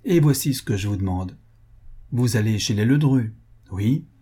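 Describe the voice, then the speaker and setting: A man's voice: lowish voice, animated, moderate pace, warm tone, slightly rough. A man reading an audiobook, voicing a shrewd and insistent young kept woman who presses and pleads. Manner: pleading, commanding.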